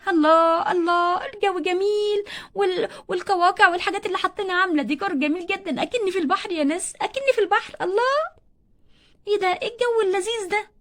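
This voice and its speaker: A woman with an Egyptian Arabic accent voicing a bossy, stubborn young doll mother in a toy role-play story. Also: extremely high pitch. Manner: scolding, quick-tempered.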